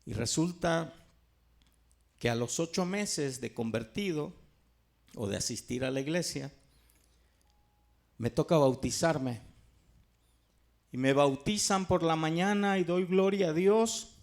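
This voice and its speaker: A middle-aged man, earnestly giving a personal church testimony with fervent pauses and restarts. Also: on the high side, gravelly.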